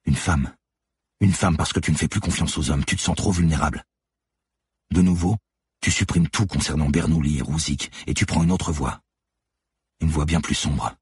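A man's voice: rumbling low, moderate pace, pauses often, a little mellow, husky, no echo, full character voice. A man voicing a relentless woman police detective who lays out her accusations steadily and methodically in an audiobook. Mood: accusing, cold. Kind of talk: audiobook character voice.

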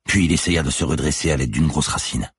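Very deep, husky male narrator. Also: no echo, clean studio sound. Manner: tense, measured storytelling. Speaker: audiobook narrator. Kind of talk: scripted thriller narration.

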